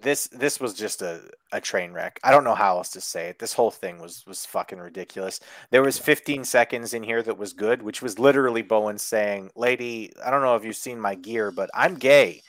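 A man with a lowish, slightly bright voice co-hosts a podcast over an online call, talking briskly with hardly any pauses in a dry, roomless recording. Recapping wrestling in casual chat, he's sarcastic and profane, full of ums and restarts.

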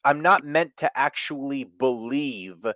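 A man's voice: medium pitch, slow pace, bright, forceful tone, dry recording. Blunt opinionated man, dry close sound. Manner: blunt, opinionated, swears freely. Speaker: podcast host. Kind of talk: casual wrestling review chat.

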